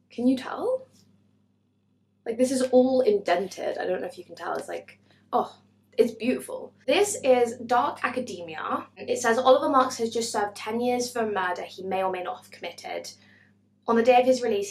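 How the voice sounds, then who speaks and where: Bubbly young woman, echoey room. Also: a little high. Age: 20s. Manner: bubbly and chatty, self-mocking. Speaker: booktuber. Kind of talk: casual book haul vlog.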